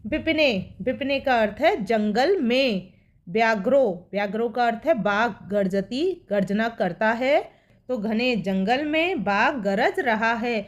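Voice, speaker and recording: A woman teacher walks children through a poem, taking it slowly and patiently. Her voice sits high, and she repeats every meaning so it sticks. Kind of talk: explaining a Sanskrit poem to children.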